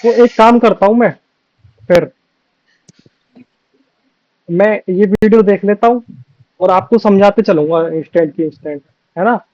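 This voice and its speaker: A man's voice: high-pitched, measured pace, long pauses, darkish tone, no room sound, highs cut off. A man reacting to a video and casually explaining it live, thinking aloud as he goes.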